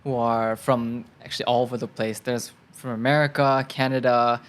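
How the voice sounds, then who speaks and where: In a casual interview, a young Thai guest actor replies in a mid-range voice at a moderate pace. He's laid-back and talkative, thinking aloud and using many fillers.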